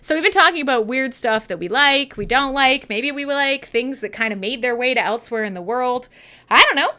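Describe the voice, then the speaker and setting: A Canadian woman hosts and DJs an online radio show, chatting irreverently between songs in a live, casual way that is sweary, jokey and rambling. Her high-pitched voice is brisk, bright and forceful.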